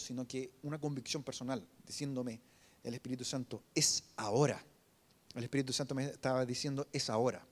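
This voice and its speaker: Emotional preacher telling a testimony. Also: male voice, mid-range voice, darkish tone. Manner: emotional, halting storytelling with many restarts. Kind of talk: sermon testimony.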